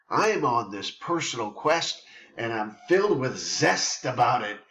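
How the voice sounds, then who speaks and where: A middle-aged man hosts a reflective monologue at a middle pitch, speaking in long expansive runs that pile verb on verb. The recording sounds somewhat dull and lo-fi. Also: fairly bright tone. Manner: expansive, piles up verbs. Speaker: host.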